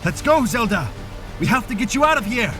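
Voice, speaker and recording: A man's voice: very high voice, very animated, fairly quick, over music. A man playing a resolute, protective fish-folk prince in an audio drama, speaking with urgent, commanding determination. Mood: urgent, determined. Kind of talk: cinematic audio drama acting.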